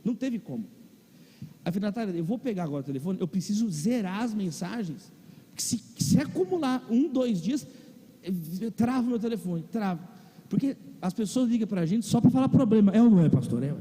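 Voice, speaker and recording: Expressive and fairly quick, this male pastor uses a high-pitched, warm voice with a breathy edge. He preaches with a Brazilian Portuguese accent and tells a comic personal story, and the recording has the long reverb of a large church or auditorium.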